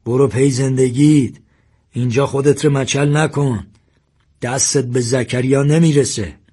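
A man voicing an older, gruff village man who speaks slowly and dismissively, in a husky voice. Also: mid-range voice, fairly even intonation, mellow, close to an everyday voice. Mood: weary calm.

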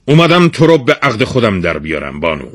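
A man's voice: high voice, animated, fairly bright tone, voice pushed up. A man voicing an arrogant, furious king from an old tale, blustering and making threats. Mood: angry, imperious.

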